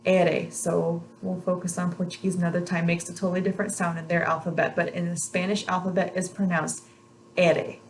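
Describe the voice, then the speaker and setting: A woman's voice: fairly low pitch, level tone, fast talker, hardly any pauses, a little hiss or hum, poor audio. A woman giving an instructional pronunciation lesson on rolled R exercises, repeating practice sounds in an encouraging way. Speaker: language pronunciation teacher.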